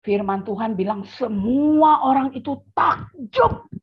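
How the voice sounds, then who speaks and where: A woman's voice: a little high, animated, normal speed. A woman teaching a children's Bible lesson over a video call, telling the story animatedly and talking straight to the kids. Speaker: children's Sunday school teacher. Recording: dull lo-fi video call audio.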